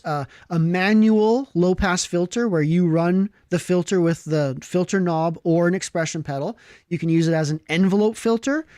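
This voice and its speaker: A man's voice: high voice, darkish tone, dry recording, studio quality. A man with a Canadian accent, co-hosting a casual livestream chat, upbeat and enthusiastic as he talks about effects pedals. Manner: upbeat, enthusiastic, laughs often. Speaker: co-host, pedal maker.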